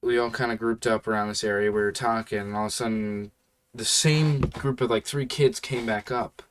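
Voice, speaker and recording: A young man tells a story in a loose, rambling way, stacking fillers and easygoing slang as he goes. His voice sits on the low side, relaxed and unhurried. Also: slight background noise. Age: young adult. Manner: rambling, filler-heavy, laid-back slang. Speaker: vlogger telling a story. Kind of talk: casual storytelling.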